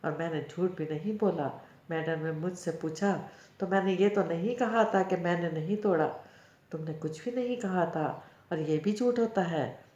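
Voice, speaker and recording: A woman's voice: lowish voice, normal speed, dark tone, natural voice. A woman reading the part of a stubborn, outspoken little girl who argues back. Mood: arguing. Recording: roomy, dull lo-fi recording.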